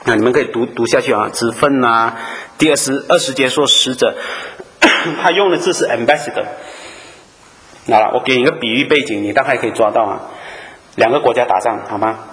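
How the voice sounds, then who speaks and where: Male preacher in a reverberant hall. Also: mid-range voice. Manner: animated storytelling, acts out dialogue, frequent "啊" fillers and tag questions. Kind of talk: sermon.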